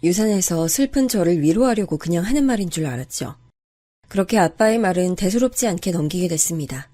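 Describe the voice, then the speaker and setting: A woman narrating a first-person true-life story in a calm, confiding way. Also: lowish voice, fairly quick. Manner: calm, confiding, even-paced.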